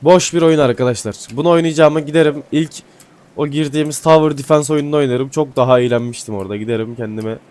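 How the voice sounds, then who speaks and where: A man giving casual gameplay commentary, excitable and swearing casually, then dropping to mumbling asides. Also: a little high, fast talker. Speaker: gaming YouTuber. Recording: faint music behind.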